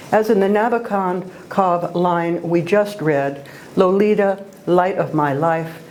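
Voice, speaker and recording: A woman giving a scripted lecture on poetic devices, measured and deliberate, slowing down to read quoted lines. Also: fairly low pitch, darkish tone, a little hiss or hum, rough recording. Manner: measured, reads quoted passages slowly. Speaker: literature lecturer.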